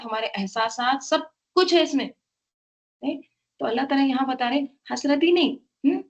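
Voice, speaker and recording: Woman, Quran teacher, fairly high voice, patient word-by-word explanation, muffled lo-fi sound. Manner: explains word by word, checks in with "right?". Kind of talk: tafseer lesson. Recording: dull lo-fi sound.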